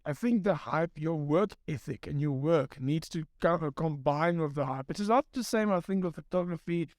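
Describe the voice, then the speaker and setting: A man in his thirties from South Africa, chatting on a panel and telling long, looping stories. His voice sits a little above the usual male pitch, and it comes across close and dry, with no room sound. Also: moderate pace, no room sound. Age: 30s. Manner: relaxed, rambling storytelling with repeats. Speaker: guest photographer. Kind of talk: casual panel chat.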